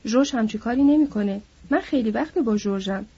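A woman's voice: a little high, dark tone, breathy edge, muffled recording. A woman voicing a big, simple-minded man who insists anxiously and pleads, in an audiobook.

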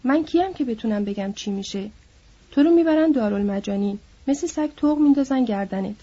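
A woman's voice: on the high side, expressive, warm tone, husky, muffled recording. A woman voicing a bitter, lonely older male stable hand who needles and then broods, in an audiobook. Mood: needling.

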